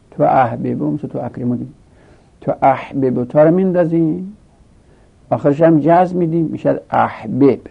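Male grammar teacher, husky and gravelly, methodically reciting forms; lo-fi phone-like sound. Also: mid-range voice. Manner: methodical, reciting conjugation tables. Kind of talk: classroom grammar lesson. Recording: tinny phone-like lo-fi recording.

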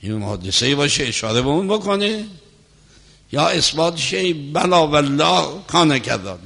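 A man giving a religious lecture on law as a cleric, explaining points in a measured, teacherly way. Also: on the high side, big pitch swings, vocal fry. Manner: measured, explanatory lecturing, recites scripture softly. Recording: long hall reverb.

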